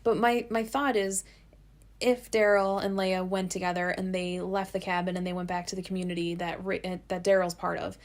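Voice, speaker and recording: A woman's voice: on the low side, flat delivery, fairly quick. A woman co-hosting a podcast, chatting casually about a TV episode, thinking aloud and giggling often. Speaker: podcast co-host. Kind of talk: casual chat recapping a TV episode.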